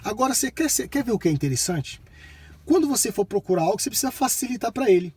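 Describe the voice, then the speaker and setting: A man's voice: sits high, expressive, racing, a little mellow, slightly rough. A man from Bahia with a Brazilian accent, giving a casual, colloquial tutorial and often checking in with viewers. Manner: colloquial, repeats himself, addresses viewers with check-in tags. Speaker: tutorial presenter.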